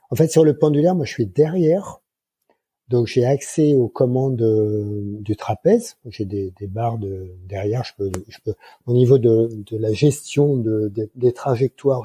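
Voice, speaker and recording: A man's voice: mid-range voice, mellow, breathy edge, dry recording. A man in his sixties, a flight instructor, telling colloquial anecdotes in a casual interview with many fillers. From France. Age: 60s. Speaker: guest, microlight flight instructor.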